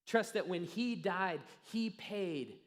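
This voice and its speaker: Higher-voiced man preaching in a reverberant hall. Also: expressive. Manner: earnest storytelling with dramatic pauses, trailing off softly. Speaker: pastor. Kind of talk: sermon. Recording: long reverb of a church hall.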